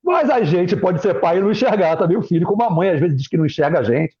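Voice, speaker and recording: A middle-aged Brazilian man with a high, slightly husky voice tells personal stories as a guest in a relaxed chat. He is a former pastor and acts out his children's voices as he goes. The sound is dull and lo-fi, like a streamed call. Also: fast talker. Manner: animated, acts out family members' voices in quotes. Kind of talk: casual chat, personal storytelling. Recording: muffled lo-fi live stream audio.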